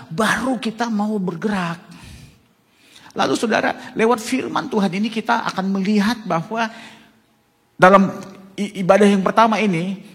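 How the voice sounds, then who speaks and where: A man in his sixties preaches with a lively, swinging delivery and a fairly high voice. His sermon rings through a church hall with a long, echoing reverb. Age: 60s. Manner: animated preaching, often ending phrases with "saudara". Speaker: pastor. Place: church hall with live congregation.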